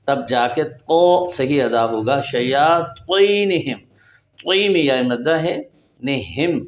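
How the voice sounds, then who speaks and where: Tajweed teacher, man, dull lo-fi audio. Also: mid-range voice. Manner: alternates plain explanation with slow, drawn-out melodic recitation. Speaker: Quran recitation teacher. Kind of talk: tajweed lesson, explaining rules and reciting verses.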